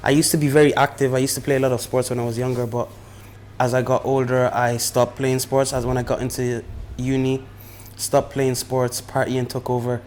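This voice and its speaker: A man, a personal trainer, telling his story in a relaxed way in a documentary interview. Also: medium pitch, brisk, a little hiss or hum. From Ireland. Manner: relaxed storytelling, repeats himself.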